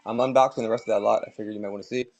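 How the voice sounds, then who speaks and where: A man's voice: fairly low pitch, steady tone, racing, a little mellow. Chatty man selling collectibles live. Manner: chatty, upbeat, talks to viewers by name. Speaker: live auction seller. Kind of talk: casual live-stream selling chat.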